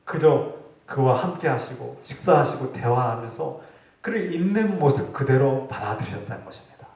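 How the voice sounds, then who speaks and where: Preaching pastor in an echoey church. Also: male voice, medium pitch, lively intonation, moderate pace. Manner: earnest preaching, voice rising for acted rebukes, dropping for quiet points. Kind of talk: sermon. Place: church sanctuary. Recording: echoey hall, distant mic.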